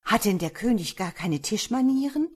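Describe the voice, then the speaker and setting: A high, piping little duke's daughter in a fairy-tale reading, blunt and loud in her questions, as a woman puts her on. Her voice is breathy at the edges. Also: animated, unhurried. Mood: puzzled. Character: young girl, duke's youngest daughter, outspoken.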